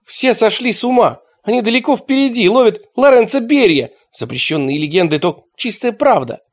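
A fawning, wheedling nobleman pleads and flatters, as a man puts him on. His voice rides high and lively, in a storybook reading. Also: normal speed. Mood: agitated. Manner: ingratiating, wheedling.

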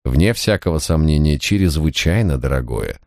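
A man reading a historical novel aloud as a first-person audiobook narrator, in a measured, literary storytelling manner. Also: rumbling low, lively intonation, creaky, a little mellow, dry recording, studio quality.

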